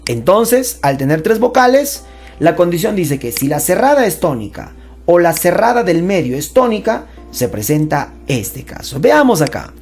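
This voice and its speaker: A woman teaching a playful grammar lesson, chatty and joking, sounding out words slowly and emphatically. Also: fairly low pitch, sing-song, darkish tone. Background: faint background music.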